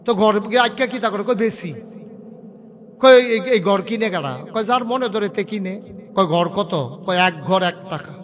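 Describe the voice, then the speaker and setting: High-voiced preacher with a lilt. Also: male voice, moderate pace, fairly bright tone. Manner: scolds and jokes with the crowd, storytelling. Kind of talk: humorous Islamic sermon.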